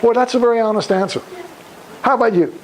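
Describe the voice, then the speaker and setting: An elderly Holocaust survivor from Krakow, Poland, over 75, gives a public talk as a guest speaker, speaking slowly in halting phrases and asking his audience questions. His voice is very high-pitched, and the live room recording is noisy.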